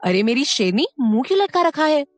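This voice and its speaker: A woman's voice: high-pitched, big pitch swings, brisk, no room sound, soft background music, pitched above the performer's own voice. A woman voicing a playful young man who clowns around in class, in an audio story.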